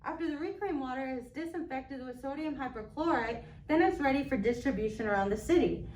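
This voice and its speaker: A woman's voice: high-pitched, fairly quick, darkish tone, echoey room, recorded from a distance, rough recording. Woman giving a plant tour. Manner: explains plainly with everyday comparisons. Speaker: wastewater plant staff tour guide. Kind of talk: educational vlog walkthrough. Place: wastewater treatment plant.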